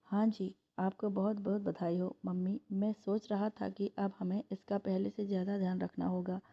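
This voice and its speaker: An earnest, respectful young husband, voiced by a woman narrator talks with his mother in a storybook reading. The pitch stays narrow and even. The recording sounds muffled and lo-fi. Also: moderate pace, creaky. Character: young husband, caring expectant father. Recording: dull lo-fi recording.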